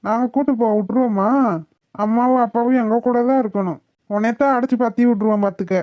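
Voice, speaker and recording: A woman's voice: fairly high pitch, fairly even intonation, fast talker, close to an everyday voice. A woman voicing a short-tempered adult village man in a cartoon, who talks in a scolding, complaining way. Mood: teasing. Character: grumbling adult village man, quick to anger. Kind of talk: cartoon voice acting. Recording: dull, dry, lo-fi.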